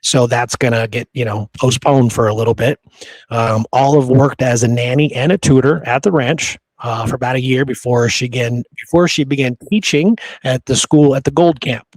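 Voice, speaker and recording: Speaking at a moderate pace with medium pitch, this man hosts a podcast and chats informally about history. His recording sounds dry and rough.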